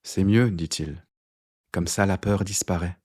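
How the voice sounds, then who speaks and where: A man's voice: low voice, unhurried, a little mellow, breathy edge. A man voicing a sleepy old man in his sixties with a thick, pasty voice, terse and fatalistic. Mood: weary.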